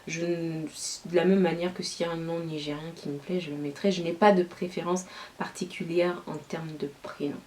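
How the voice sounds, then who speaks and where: A woman with a light Nigerien French accent talks casually into the camera, her voice sitting on the low side. She fills her answers with easygoing filler phrases. The mic is set back from her and a soft hiss runs underneath. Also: steady tone, moderate pace. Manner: chatty, with frequent filler phrases. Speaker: YouTuber. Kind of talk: casual chat answering tag questions. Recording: distant mic with faint hiss.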